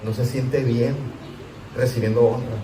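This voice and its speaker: A man, a pastor, teaching a Sunday school class in a conversational, animated way, asking his listeners rhetorical questions. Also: mid-range voice, a little slow, noisy background. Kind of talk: sermon teaching. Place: church hall. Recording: echoey church room, distant mic.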